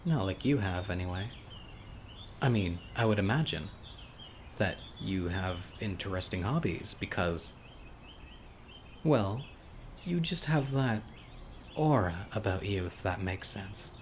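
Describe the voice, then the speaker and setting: Voicing a gentle, critically ill young man with a secret obsession, a deep-voiced man delivers an intimate boyfriend monologue on a date. He's animated but slow, with long pauses, wistful and gentle, hesitant and soft, muttering whispered asides. The outdoor setting carries birdsong, crickets, insects and a little hiss or hum.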